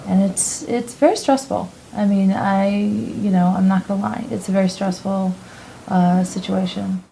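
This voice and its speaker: A woman's voice: mid-range voice, fairly even intonation, measured pace, creaky, mellow, a little hiss or hum, rough recording. A woman speaking candidly and reflectively about supporting someone in the military. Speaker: military family member. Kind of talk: interview testimony.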